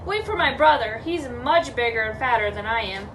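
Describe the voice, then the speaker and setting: A woman's voice: high voice, animated, unhurried, far from the mic, slight background noise, rough recording. A woman voicing a timid middle-sized male billy goat in a storybook, stammering and pleading. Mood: frightened, pleading.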